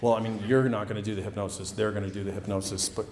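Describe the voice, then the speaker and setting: A man working as a stage hypnotist and host, bantering off the cuff with volunteers in a halting way, often repeating phrases. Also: lowish voice, level tone. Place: indoor college stage show with audience. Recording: echoey hall PA with noisy background.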